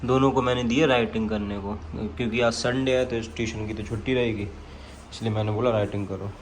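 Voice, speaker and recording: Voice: mid-range voice, steady tone, fast talker, slight background noise. A Bundelkhandi-accented family vlogger playfully teasing children at home, laughing often. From Bundelkhand, India. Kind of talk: playful home vlog, playing shop with children.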